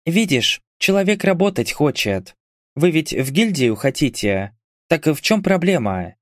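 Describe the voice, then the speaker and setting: A man's voice: fairly high pitch, big pitch swings, measured pace, no room sound, clean studio sound, voice pushed up. A man voicing a short, friendly young woman who talks in a soothing, persuasive way. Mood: coaxing.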